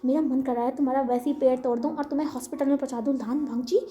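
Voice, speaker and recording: A woman's voice: high-pitched, fairly even intonation, racing, warm tone, natural voice. A woman voicing a heartbroken young man who rants tearfully and angrily, scolding his lover. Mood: tearful pleading.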